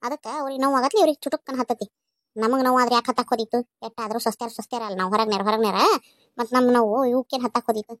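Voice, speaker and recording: A resentful, scheming village woman from a cartoon, played by a woman with a North Karnataka Kannada accent. She grumbles bitterly in a high voice that rattles along at speed. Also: fairly even intonation, rapid-fire, dry recording, lightly acted. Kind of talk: cartoon voice acting.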